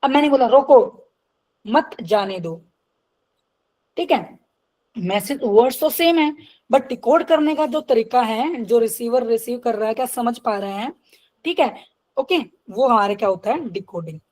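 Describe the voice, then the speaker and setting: Woman teacher, online class over a video call, slightly high voice, slow English definitions mixed with Hindi, keeps asking "clear?". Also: animated, darkish tone, rough recording. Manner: asks checking questions. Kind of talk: online lecture.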